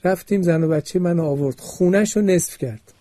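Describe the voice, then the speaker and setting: A man's voice: sits high, dark tone, no room sound. A man preaching a religious sermon, telling a story with quoted dialogue and earnest exhortation.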